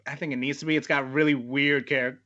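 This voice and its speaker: A man's voice: mid-range voice, little pitch movement, fairly quick, sharp tone. A man co-hosting a podcast in casual chat, explaining things with many "like" and "uh" fillers. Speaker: podcast co-host. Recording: dull, lo-fi mic sound.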